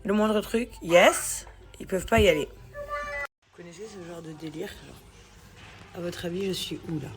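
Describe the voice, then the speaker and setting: A woman's voice: lowish voice, big pitch swings, normal speed, pauses often, over music. A woman with an English accent, a native English speaker, chatting casually to her followers as a vlogging mother. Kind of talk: casual vlog chat to camera.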